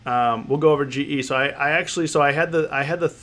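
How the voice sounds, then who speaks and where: Nasal and congested from a cold, this man hosts an options trading stream, rambling through casual commentary, reading chat, and welcoming viewers by name. He talks fast, in a slightly high, somewhat bright voice, often repeating phrases.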